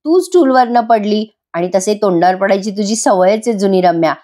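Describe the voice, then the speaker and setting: A woman reading the lines of a bossy young wife who scolds and teases, in a slightly raised, sharp voice. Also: mid-range voice, animated, normal speed, close to an everyday voice. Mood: scolding.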